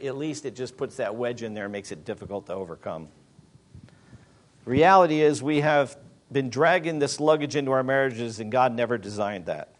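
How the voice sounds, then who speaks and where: A man in his fifties, a pastor, preaching a sermon with emphatic rhetorical questions to a congregation. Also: mid-range voice. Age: 50s.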